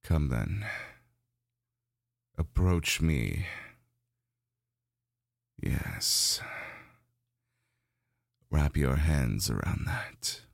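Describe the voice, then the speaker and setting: A lustful, domineering dragon, as a man acts it out, growling slow, gloating commands in a voice pitched extremely low. The sound is gravelly and unhurried. It is recorded dry and close, like an audio roleplay. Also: big pitch swings, dry recording, heavily acted.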